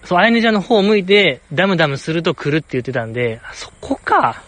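A man's voice: fairly high pitch, sing-song, very fast, fairly bright tone. A young man with an Osaka accent, chatting casually and rambling on his own, playfully earnest. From Osaka, Japan. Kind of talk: casual solo chat.

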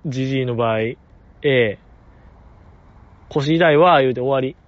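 A man's voice: mid-range voice, a little slow, no room sound, dull audio. A man with a Kansai accent hosting a casual solo podcast, playfully teasing his listeners and laughing often. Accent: Kansai Japanese. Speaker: podcast host.

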